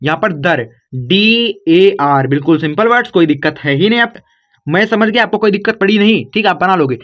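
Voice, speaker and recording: A man runs a casual online spelling lesson, talking to viewers like friends. His voice sits high. The recording is slightly muffled and lo-fi. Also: animated, fast. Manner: chatty, repeats "bhai" and "guys" to viewers. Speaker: online English teacher.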